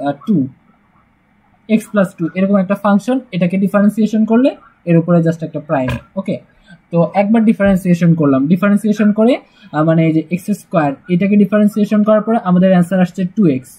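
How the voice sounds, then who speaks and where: A man's voice: high-pitched, mellow, rough recording. A man teaching a casual math lesson, chatty and joking, with frequent "uh" fillers. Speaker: math tutor.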